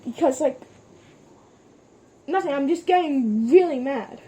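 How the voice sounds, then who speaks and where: A woman's voice: high voice, expressive, unhurried, warm tone. A woman voicing all the characters in a playful homemade toy-train drama, jumping between silly character voices. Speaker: fan series voice actor.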